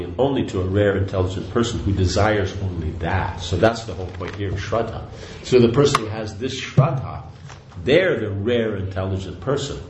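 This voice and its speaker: In an echoey room with faint noise, an older man gives a devotional talk as a spiritual teacher, wandering loosely through asides and restarts and saying "you know" often. His voice is on the low side, and the sound is lo-fi.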